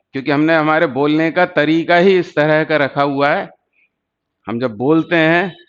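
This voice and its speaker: A man's voice: a little high, fairly bright tone, muffled recording. A man teaching physics for entrance exams, patiently explaining and repeating key terms. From India. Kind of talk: exam-prep lecture.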